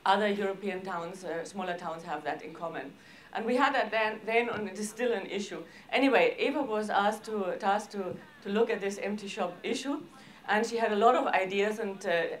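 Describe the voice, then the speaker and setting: An Austrian woman who directs an arts organisation presents its projects in a seminar with slides. Her mid-range voice is halting and informal, full of hesitations and broken sentences.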